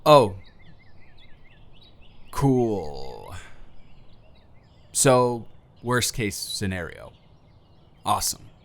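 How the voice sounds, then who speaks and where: In an intimate scripted audio roleplay, a man plays a nervous young man confiding in a close friend. His speech is emotional and rambling, sometimes halting, then emphatic, with a very animated pitch that swings widely between phrases. The voice is exaggerated with vocal fry, and the mood is nervous and resigned.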